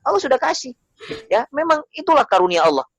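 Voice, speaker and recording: A man's voice: extremely high pitch, sing-song, quick pace, no echo. A man giving an Islamic study lecture in a conversational way, often asking the audience questions and acting out little voices. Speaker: Islamic preacher.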